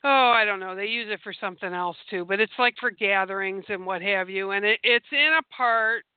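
Smooth-voiced woman host on a call. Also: mid-range voice, fairly quick, no echo. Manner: enthusiastic, meandering, lots of fillers. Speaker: podcast host. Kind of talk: casual interview chat. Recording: dry, phone-like call audio.

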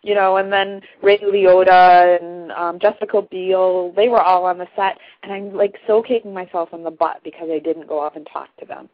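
A woman's voice: on the low side, fairly even intonation, normal speed, hardly any pauses, no echo, narrow, tinny audio. A woman from Michigan hosting a casual radio interview, chatty and laughing. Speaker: radio host.

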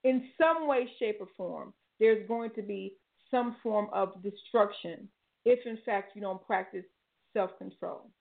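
A woman's voice: medium pitch, measured pace, gravelly. An older woman hosting a talk show, giving preachy, folksy motivational advice and repeating her key phrases. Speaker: talk show host and life coach. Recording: tinny phone-like line.

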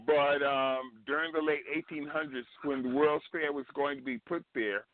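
A man's voice: a little high, steady tone, normal speed, phone-quality sound. A man chatting and explaining casually as a show panelist, repeating phrases for emphasis. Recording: band-limited line with clear noise.

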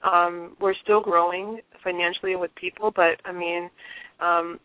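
Speaking a little slowly in a lowish, flat voice, a woman from Liberia gives personal testimony as an interview guest. Her manner is earnest and reflective, with frequent restarts. The telephone audio is tinny and dry, free of echo.

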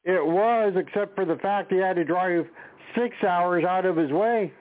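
Unhurried and high-pitched, a male podcast host leads a relaxed talk show in a steady way. He questions his guest in a casual, interview-style chat, heard on a tinny phone-like line.

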